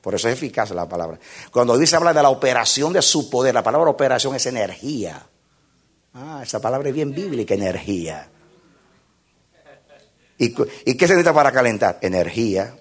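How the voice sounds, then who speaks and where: A man preaching a sermon in an animated, emphatic way, with playful moments where he acts out little scenes. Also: mid-range voice, fairly quick, slightly rough.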